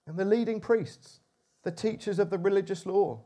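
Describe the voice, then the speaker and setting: Male preacher, high-pitched, expressive sermon storytelling. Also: normal speed. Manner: expressive, animated, with rising emphasis.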